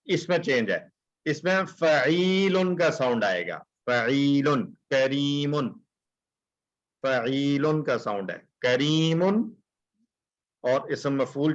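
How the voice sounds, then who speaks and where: Male teacher drilling verb tables, slow and measured, mid pitch, muffled lo-fi audio. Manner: slow, deliberate recitation with repeated call-and-response drills. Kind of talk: Quranic Arabic grammar lesson, drilling verb tables. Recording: dull lo-fi recording.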